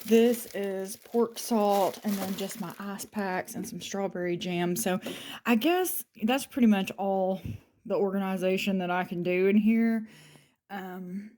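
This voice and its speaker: A woman's voice: mid-range voice, a little slow, a little mellow. A woman chatting casually in a home vlog, sometimes dropping to a nervous whisper. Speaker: vlogger. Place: home, moving around indoors and outdoors.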